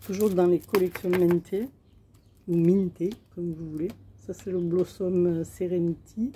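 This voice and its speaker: Woman, casual crafting haul, slow and hesitant, very dark mellow tone, faint outdoor noise. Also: on the low side, steady tone. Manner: chatty, hesitant, many fillers. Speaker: crafting vlogger. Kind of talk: casual show-and-tell haul. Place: outdoors in sunshine.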